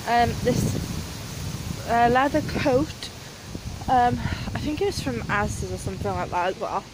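A woman's voice: a little high, lively intonation, slow, noisy background. A young woman chatting casually in a rambling, giggly way while vlogging on a phone held at arm's length. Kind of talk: casual vlog chat. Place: small flat indoors, then windy street outdoors. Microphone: handheld phone camera at arm's length.

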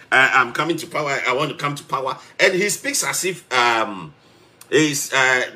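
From a small room with a TV at his back, a young Ghanaian-accented man talks politics to the camera in a medium-pitched voice that sounds pushed and bright. He is emphatic, switches between English and Twi, and breaks into laughter partway through his rant.

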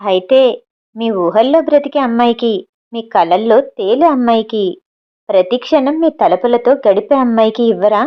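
A spirited, quick-tempered young woman in an audiobook, read by a woman narrator. The voice is fairly high, and the recording sounds muffled. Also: animated, lightly acted. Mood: sulky.

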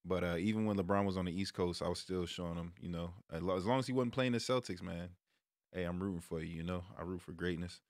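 Speaking quickly in a low register, an American sports vlog host and streamer in his thirties keeps things casual and slangy for the camera. There's no room sound at all; the close stand mic and headset in his small home room deliver a clean studio result.

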